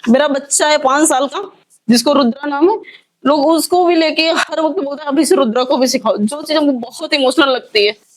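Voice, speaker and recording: High-voiced distressed woman lawyer. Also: a little fast. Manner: pleading, distressed. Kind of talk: emotional news interview.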